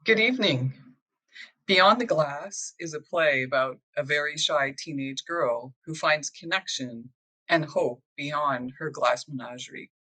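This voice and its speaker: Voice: mid-range voice, unhurried, sharp tone, low-quality recording. A presenter giving a polite, formal introduction to a play. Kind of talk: scripted introduction.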